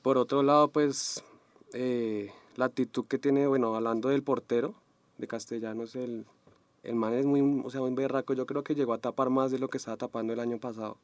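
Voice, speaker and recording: A man's voice: medium pitch, fairly even intonation, fairly quick, no room sound. A man on a sports panel talking about football hesitantly, with lots of fillers and slang. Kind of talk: casual football talk.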